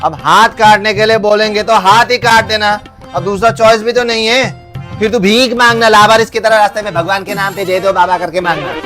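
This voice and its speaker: A man's voice: high voice, fairly even intonation, a little fast, sharp tone. A man playing an exasperated father in a comedy sketch, nagging and sarcastic. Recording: faint music behind.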